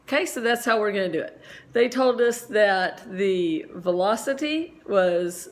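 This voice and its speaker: A woman's voice: mid-range voice, measured pace. A middle-aged woman teacher explaining a physics lesson step by step, chatty and full of asides, with a slight cough.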